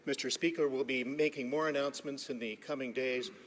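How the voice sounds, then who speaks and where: A man giving a formal parliamentary answer as a government representative, halting and repeating words as he goes. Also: mid-range voice, steady tone. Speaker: parliamentary secretary. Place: large legislative chamber. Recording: reverberant hall, faint noise.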